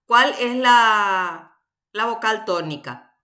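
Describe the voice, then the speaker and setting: A woman's voice: mid-range voice, takes it slowly, pushed and bright. A woman teaching a university language class online, explaining patiently and checking in with her students.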